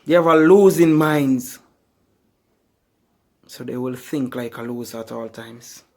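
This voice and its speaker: A man giving a motivational speech, with emphatic, repetitive rhetorical questions and slow, drawn-out stresses on key phrases. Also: medium pitch, a little mellow. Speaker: motivational speaker.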